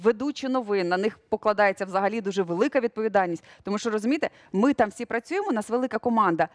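A young woman, a news producer, chatting as a guest in a studio interview, relaxed and chatty, with many fillers. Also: mid-range voice, racing, dry recording.

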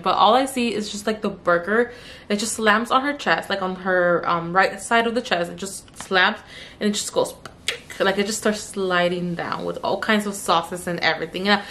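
A woman's voice: medium pitch, fairly bright tone. A young woman chatting through a storytime while doing her makeup, full of "like" and laughing as she talks. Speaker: beauty vlogger.

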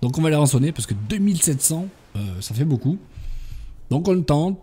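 A man casually commentating his strategy game, ordering units around and breaking into excited outbursts. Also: on the high side, brisk, slightly rough. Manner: bosses units around, bursts into excited exclamations. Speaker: gaming YouTuber. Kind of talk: casual let's-play commentary.

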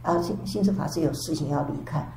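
An older woman, a Buddhist nun, giving a storytelling dharma lecture with drawn-out sentence particles. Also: deep voice, gravelly, dark tone. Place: temple lecture hall. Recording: echoey hall with faint background hiss.

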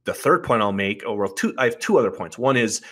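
Bright-voiced sardonic man arguing points. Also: on the low side, lively intonation, fast, breathy edge. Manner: argumentative, lays out points one by one, sardonic. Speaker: podcast guest, political commentator. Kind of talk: casual podcast conversation.

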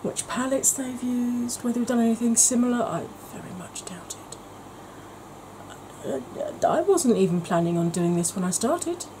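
In her kitchen at home, a makeup vlogger with a slightly high voice talks at a normal pace, wandering off topic in a casual, self-mocking way and occasionally going soft-spoken. Background noise can be heard.

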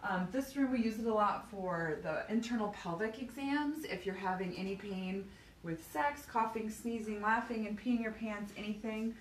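Walking through her small clinic's hallways and treatment rooms, a bubbly woman who owns the physical therapy practice chats casually while showing it off live. Someone else films on a phone camera a few feet off, so her medium-pitched, moderately paced voice sounds far away and roomy, over a faint hum.

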